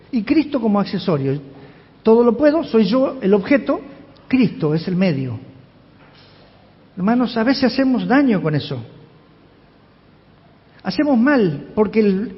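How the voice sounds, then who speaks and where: Preacher guy, high voice, swings up and down a lot, long echo, kinda dull muffled sound. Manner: emphatic, asks the congregation questions. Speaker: pastor. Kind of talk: expository sermon. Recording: reverberant hall, dull lo-fi sound.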